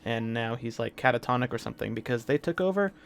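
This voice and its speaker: A man live-streaming a video game, talking casually with a scratchy, hoarse throat and a rambling manner full of fillers and restarts. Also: mid-range voice, animated, fast.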